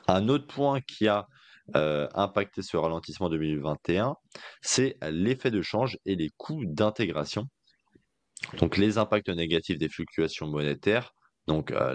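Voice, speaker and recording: A man's voice: low-pitched, dry recording. A man co-hosting a casual investing podcast, talking loosely with lots of fillers and jokey asides. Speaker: podcast co-host.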